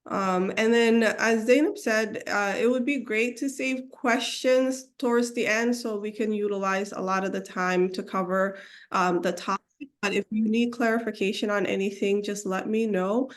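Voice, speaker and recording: Speaking at normal speed with a steady tone and mid-range voice, a community presenter delivers an online webinar over video call. She is a woman from Seattle, United States, whose first language is Somali, and she's getting over a cold. Hesitant throughout, she fills gaps with ums and restarts mid-phrase.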